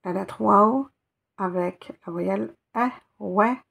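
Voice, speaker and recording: A woman's voice: medium pitch, slow pace, creaky, a bit bright, husky. A woman teaching Arabic letters one by one, patiently spelling out each sound and repeating it. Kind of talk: step-by-step reading lesson.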